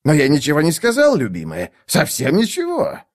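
A man's voice: fairly high pitch, wildly swooping pitch, moderate pace, pitched above the performer's own voice. A man voicing a sly, muttering male mage. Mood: eager. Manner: conspiratorial muttered asides. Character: sly, scheming male mage, lecherous and babbling.

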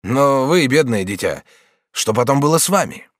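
A man's voice: medium pitch, lively intonation, normal speed, no echo, studio quality, lightly acted. A man reading an audiobook voices a kindly, easily moved middle-aged prince regent, exclaiming and questioning with raised emotion. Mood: earnest. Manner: exclaiming, warm and agitated.

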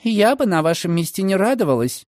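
A man voicing a proud, sharp-tongued young woman who talks in a high, accusing tone. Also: sing-song, a little slow, no room sound, clean studio sound. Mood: indignant.

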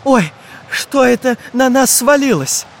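Brief: male reader as a bold cheeky boy, teasing, high voice. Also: normal speed, slight background noise. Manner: teasing, lively.

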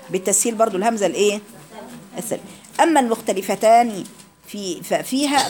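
A woman's voice: mid-range voice, a little mellow. A woman with an Egyptian accent teaching Quran recitation rules in a classroom lecture, explaining each rule and quizzing her students with questions.

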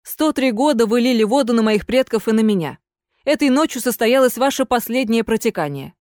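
Woman doing a young gentleman, cool, unhurried, politely mocking, dry studio. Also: a little high, animated, dry recording, natural voice. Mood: cold. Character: calm, mocking young male heir.

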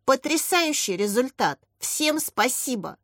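A woman voicing a cheerful male school PE teacher in an audiobook, brisk and commanding. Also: sits high, animated, a bit bright, dry recording, studio quality, voice pushed up, full character voice. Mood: pleased. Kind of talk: audiobook character voice.

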